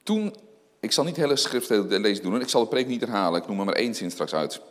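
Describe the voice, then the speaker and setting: Lively man preaching in an echoing hall. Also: on the low side, quick pace. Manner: animated, asks many rhetorical questions. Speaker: lay preacher. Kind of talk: sermon with scripture reading. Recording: long hall reverb.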